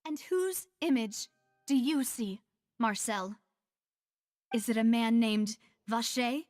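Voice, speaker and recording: A woman's voice: fairly high pitch, slow, darkish tone, dry recording, studio quality. A woman playing a confident, dramatic young woman in an anime video game, speaking in a pointed, theatrical way. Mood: pointed, probing. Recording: music behind the voice.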